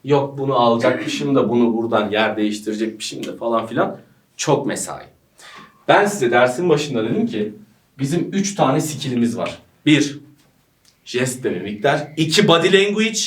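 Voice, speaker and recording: Animated, teasing teacher man, echoey room. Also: mid-range voice, moderate pace. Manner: joking, teasing, animated explaining. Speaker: English teacher. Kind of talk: playful group lesson banter. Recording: echoey room, mic at a distance.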